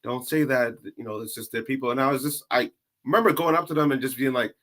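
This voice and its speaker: A man's voice: mid-range voice, quick pace, fairly bright tone. Laid-back man with a mid-range voice. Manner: laid-back, uses lots of "like". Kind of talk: casual storytelling.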